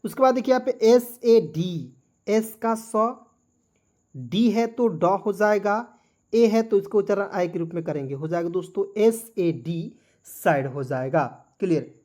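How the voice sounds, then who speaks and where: A man's voice: high-pitched, animated, measured pace, darkish tone. A man teaching a beginners' lesson, spelling words out letter by letter and often checking that listeners follow. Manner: repeats checks like "clear?" and "okay ji". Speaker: English teacher.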